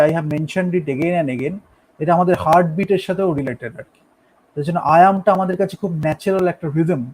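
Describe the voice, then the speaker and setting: A man's voice: fairly high pitch, darkish tone, a little hiss or hum, low-quality recording. A man teaching a lesson, explaining each step in turn and often checking that his listeners follow. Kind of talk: classroom lecture on poetic meter.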